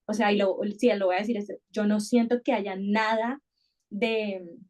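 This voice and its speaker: Brief: woman host, mid-pitched, musing and self-correcting. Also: fairly even intonation, unhurried, a little mellow. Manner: thoughtful, many restarts and repetitions. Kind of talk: reflective conversational podcast talk.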